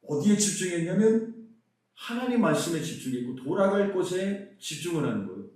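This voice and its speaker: A middle-aged male pastor from Seoul preaches at a conference, his voice swinging up and down with lively emphasis as he puts rhetorical questions to the room. His pitch sits a little high for a man. The sound is caught from some distance and rings with a strong hall echo. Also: fairly quick. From Seoul, South Korea. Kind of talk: conference sermon. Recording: very echoey hall, mic far off.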